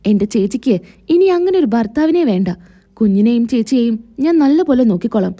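A woman's voice: on the high side, lively intonation, a little fast, dark tone. A cold accusing husband, as a woman narrator tells it.

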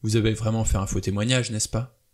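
A man's voice: on the low side, steady tone, fairly quick, darkish tone, lightly acted. A man doing a cool, mocking adventurer. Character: cool, mocking adventurer Lombard, self-assured.

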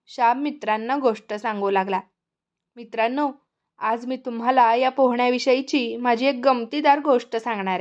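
Woman storyteller, high-pitched, gentle and expressive, muffled lo-fi audiobook recording. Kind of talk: audiobook narration.

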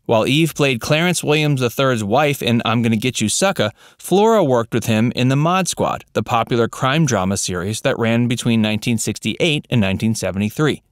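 A man's voice: mid-range voice, fairly quick, hardly any pauses, clean tone, no room sound. Man reading a dry voice-over. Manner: even, read-out delivery of trivia facts. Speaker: narrator. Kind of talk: scripted narration.

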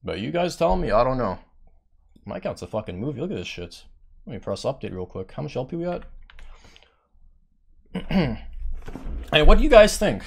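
With a mid-range, slightly rough voice, vocal fry and frequent pauses at a moderate pace, a man rants to his streaming chat. The talk is casual, heated and petty, full of swearing and raised-voice impressions of others, and he says his voice is monotone.

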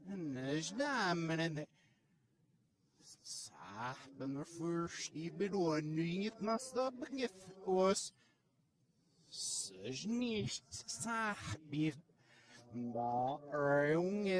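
A man giving a public talk on a handheld microphone, played backwards so the syllables come out reversed and garbled. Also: fairly high pitch. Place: indoor presentation room.

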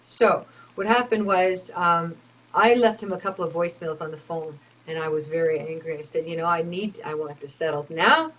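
A woman with a somewhat low voice tells a long, rambling personal story. She sounds aggrieved and fed up, piling complaint upon complaint and filling the gaps with ums and uhs. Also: normal speed, fairly bright tone, poor audio. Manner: aggrieved, talks in long run-on complaints with many fillers.

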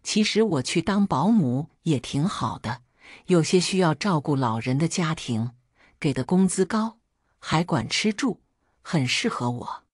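A woman's voice: low voice, expressive, unhurried, husky, no echo, studio quality, exaggerated voice. A woman voicing a tired, put-upon older mother who speaks plainly and resentfully. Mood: weary.

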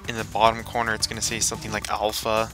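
Talking to himself as he plays, a man hosts a casual let's play gaming video, rambling along. His fairly low voice is monotone, fast and sharp in tone, with soft music in the background.

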